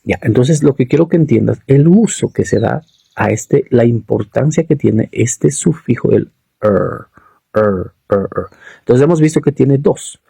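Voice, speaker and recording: A man teaching English grammar, drilling words by slow repetition and checking in with listeners. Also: medium pitch, lively intonation, gravelly, mellow, breathy edge, no echo. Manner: repeats words slowly for drilling. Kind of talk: explaining grammar to learners.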